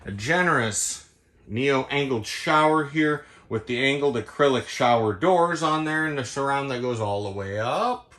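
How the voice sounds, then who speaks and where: A man giving a chatty, quick sales walkthrough inside a travel trailer, tossing in playful sound-effect asides. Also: mid-range voice, fairly bright tone. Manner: talks quickly, cramming in details. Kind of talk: product walkthrough tour.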